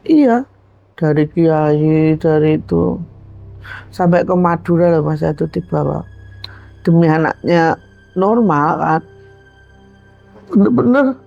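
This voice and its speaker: A woman's voice: deep voice, takes it slowly, creaky, pauses often, dark tone, lo-fi sound, faint music behind. A woman with a Javanese accent animatedly telling her own supernatural story and acting out the voices in it. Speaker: guest storyteller.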